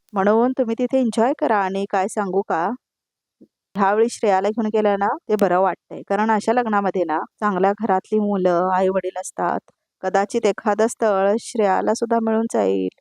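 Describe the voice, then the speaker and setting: Woman reading a caring aunt, gentle and reassuring, dry close sound. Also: medium pitch, fairly even intonation, moderate pace, dry recording, lightly acted. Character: caring aunt soothing a frightened girl.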